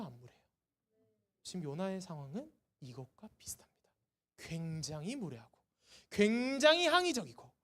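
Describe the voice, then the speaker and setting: A fairly high-voiced woman giving a sermon to teenagers at a church youth service. Her pitch swings widely as she keeps quizzing the listeners and then answers her own questions. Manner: lively, asks the students questions and answers them. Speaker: youth group teacher.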